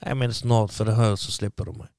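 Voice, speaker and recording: A man's voice: lowish voice, fairly even intonation, creaky, darkish tone, no echo, studio quality. A man, the guest, telling a long story casually and acting out what people said to him.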